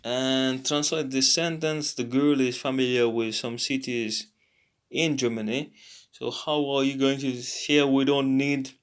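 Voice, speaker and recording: A tired man teaching a casual language lesson, halting with many fillers and repeats. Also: mid-range voice, steady tone, clean tone. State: tired, yawning.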